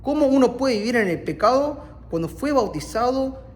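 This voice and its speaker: A man's voice: extremely high pitch, animated, normal speed. A man from Argentina with an Argentine accent, preaching a sermon in an earnest way that rises on key points.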